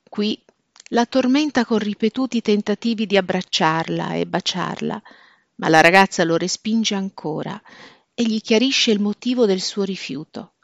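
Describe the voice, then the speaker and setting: Woman narrator, measured scripted reading, dull lo-fi sound with no room echo. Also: medium pitch, creaky. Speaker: book presenter. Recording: dull, dry lo-fi recording.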